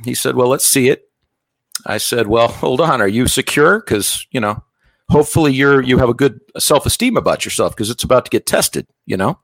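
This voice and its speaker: A man's voice: medium pitch, animated, moderate pace, fairly bright tone, dry recording. A middle-aged man telling a long comic story on stage, acting out the other people's lines. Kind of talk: stand-up storytelling.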